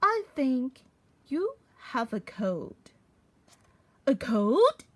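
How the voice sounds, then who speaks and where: A woman voicing a calm, sensible cat doctor in a read-aloud picture book, in a lowered, soft, matter-of-fact voice. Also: very slow, no echo, heavily acted.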